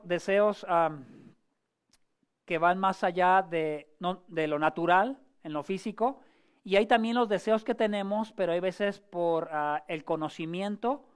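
A male pastor giving a sermon in a conversational way, asking the congregation rhetorical questions and often pausing or restarting his phrases. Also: high voice, smooth. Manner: frequent hesitations and restarts.

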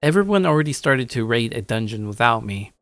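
Brisk and sing-song, this mid-range male voice is a bit bright and recorded dry. He's the narrator and lead, a young man voicing a shy, somewhat cocky gamer who muses upbeat and casually about his day like an anime-style audio drama. Music plays beneath the dry studio vocal.

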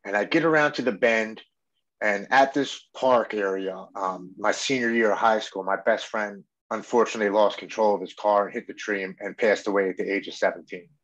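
A man in his forties speaks with a slightly low voice, earnest and reflective. He tells a personal story as a podcast guest, in a heartfelt way. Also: steady tone, brisk, a bit bright, muffled recording.

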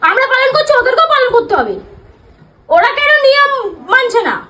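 A woman with a very high voice that leaps around in pitch argues with her sister in a casual home vlog. She talks back, teases and swears freely. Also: big pitch swings, brisk, pushed and bright. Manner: argumentative and teasing, swears freely. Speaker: younger sister in a family vlog. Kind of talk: casual family squabble.

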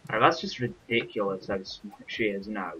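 A man's voice: fairly low pitch, steady tone, a little fast, sharp tone. A young man chatting casually while playing a game, with wry banter. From Scotland. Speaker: gaming channel host. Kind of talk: casual gaming commentary. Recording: dull hissy home mic.

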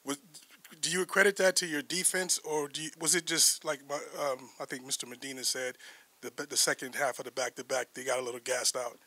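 A man's voice: medium pitch, fairly even intonation, fairly quick, bright, forceful tone. A male reporter at a press conference asking a long, hedging question.

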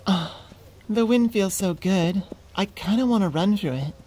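A woman speaks a little slowly in an animated, mid-range voice with a dark tone, voicing an affectionate young centaur girlfriend who teases and gets flustered easily. The intimate ASMR roleplay feels sweet, cheerful, and conversational, captured close on a studio mic.

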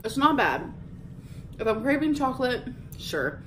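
A woman's voice: high voice, very animated, a little slow, fairly bright tone, a little hiss or hum. A young woman vlogger chatting casually to her viewers while chewing food as she talks. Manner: chatty, addresses viewers directly. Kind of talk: casual taste-test chat.

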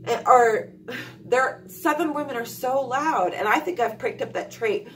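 Speaking unhurriedly in a fairly high voice, this young Alaskan vlogger talks to camera indoors in a small room of her home. She rambles casually and uses many fillers. The mic sits at a distance, and faint music plays behind her.

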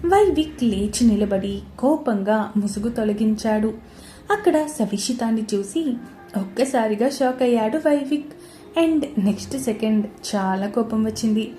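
A woman narrating a romance story in a steady, scripted reading. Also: a little high, measured pace, soft background music. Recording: roomy echoey recording.

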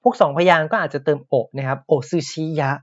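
Patiently explaining Japanese vocabulary in a podcast lesson, a man says each word slowly more than once. His slightly high voice is expressive, and the audio has its highs cut off.

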